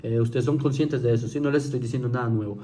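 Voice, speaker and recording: A man's voice: medium pitch, steady tone, quick pace, dark tone, a little hiss or hum. A man giving an informal spoken lecture to viewers, conversational, often checking in with "¿sí?" and restarting his sentences. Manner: conversational, keeps asking "¿sí?" to check understanding; frequent fillers and restarts, mocking mimicry.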